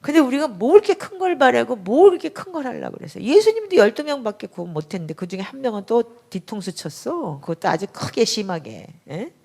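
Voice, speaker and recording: A middle-aged woman pastor giving a sermon in a conversational, emphatic way, with sudden loud outbursts. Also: fairly high pitch, sing-song, fast talker, gravelly, hardly any pauses.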